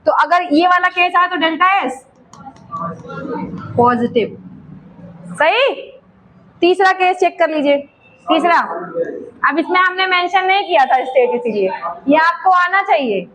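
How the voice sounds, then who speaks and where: Very high-voiced woman teacher coaxing students. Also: measured pace, long pauses, fairly bright tone, slight background noise, rough recording. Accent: eastern Uttar Pradesh Hindi. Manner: coaxing, teasing questions to students. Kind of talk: classroom chemistry lesson. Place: classroom.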